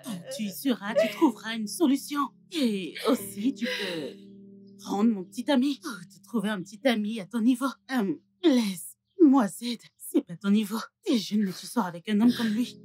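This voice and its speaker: This French film dub has a woman playing a jealous young woman who schemes against, mocks, and betrays her best friend. Her expressive voice is warm with a breathy edge at normal speed, soft music plays behind her, and her mocking turns shrill in screams.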